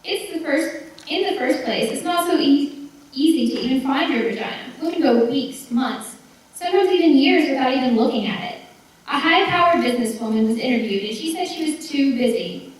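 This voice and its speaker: A young woman performing a stage monologue, telling the story with animated energy. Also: high-pitched, a little fast. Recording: echoey hall, far from mic.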